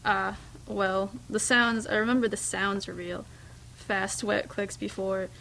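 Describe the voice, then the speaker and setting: A woman reading a first-person story aloud, in a hushed, reflective way with small slips and restarts. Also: medium pitch, flat delivery, measured pace, vocal fry, slight background noise, poor audio. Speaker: reader.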